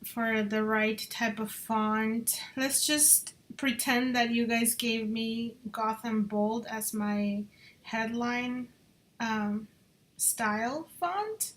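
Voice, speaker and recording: Very slowly and in a voice on the high side, a woman seeking a job talks through her design work in a screen recording. She's chatty, mutters to herself along the way, and sometimes slips in Spanish.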